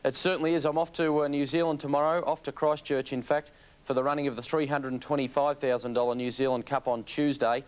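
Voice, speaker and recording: An Australian man talks through harness races as a TV analyst. His voice is mid-pitched, smooth and clear. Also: steady tone, quick pace. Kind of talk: race analysis for television.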